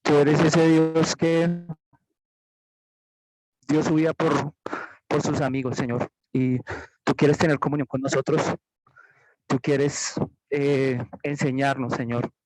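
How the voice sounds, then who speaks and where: Slow, halting man praying aloud. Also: on the high side, level tone, darkish tone, dry recording, poor audio. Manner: halting, slow, repeats "Señor". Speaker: group member leading prayer. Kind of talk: spontaneous spoken prayer.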